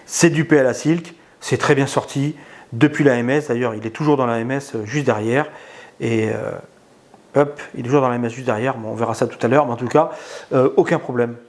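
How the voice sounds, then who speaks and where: A man giving a casual spoken product review, hesitant, with many pauses and filler sounds. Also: medium pitch. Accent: non-native in English words.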